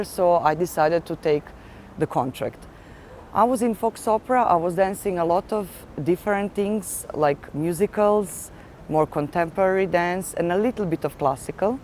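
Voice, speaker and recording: A woman's voice: low voice, darkish tone, slight background noise. A woman in her thirties from Serbia, speaking as a ballet dancer, telling her story in an earnest interview monologue and searching for words with fillers.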